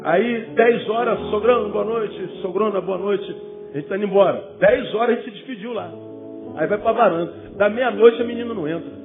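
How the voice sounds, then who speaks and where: A man's voice: sits high, a little fast. A man preaching a sermon to young people as a pastor, emphatic, with rhetorical questions and joking asides. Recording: phone-like, with loud music.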